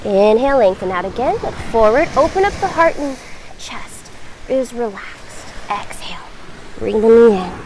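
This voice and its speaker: Female yoga teacher, high voice, guiding a class with reassuring, measured instruction over light background noise. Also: lively intonation, darkish tone, poor audio. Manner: encouraging, reassuring, measured cueing.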